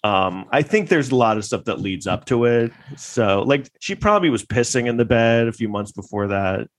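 A man's voice: medium pitch, expressive, moderate pace. A man co-hosting a comedy podcast, talking in a loose, joking, rambling way. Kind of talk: casual joking chat.

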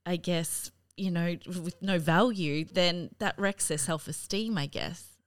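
A woman's voice: fairly low pitch, fairly even intonation, unhurried. A woman in her thirties hosting an interview, chatting casually and often affirming what her guest says. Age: 30s. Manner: affirming, lots of agreeing interjections. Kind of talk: casual conversation.

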